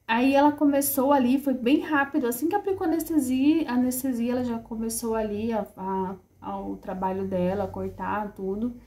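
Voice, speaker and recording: Mother, fairly high mellow voice, heartfelt rambling storytelling, lots of fillers. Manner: heartfelt, repetitive, full of fillers. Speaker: mother telling her birth story. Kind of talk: casual personal storytelling.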